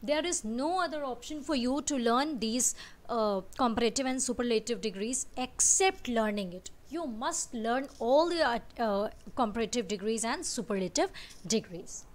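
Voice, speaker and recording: Slow-speaking Indian woman teaching grammar. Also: fairly high pitch, animated. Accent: Indian English. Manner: slow, drawn-out reading of word lists; mixes English and Hindi explanations. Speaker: English teacher. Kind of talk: explaining grammar lesson.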